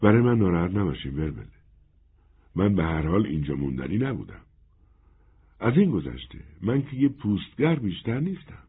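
A man voicing a gentle, melancholy wandering man in a soft, husky, resigned tone. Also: low voice, very animated, a little hiss or hum. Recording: narrow phone-like band.

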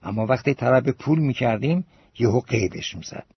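Male audiobook narrator, steady storytelling, dry close sound, dull lo-fi. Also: mid-range voice, slightly rough, dry recording. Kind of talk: scripted narration.

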